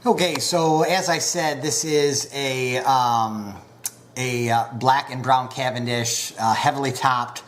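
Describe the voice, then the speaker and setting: A man reviews pipe tobacco casually and unhurriedly, his speech full of filler pauses and a bit stuffy from a recent cold. His mid-range voice is steady and fairly bright, with a little hiss or hum.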